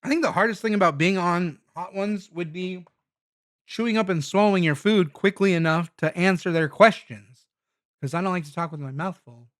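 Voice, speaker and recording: A somewhat high-voiced man talking his way through a hot sauce taste test. He rambles and thinks aloud, filling the gaps with frequent ums and restarts in a loose, casual vlog manner. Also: moderate pace. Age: adult parent.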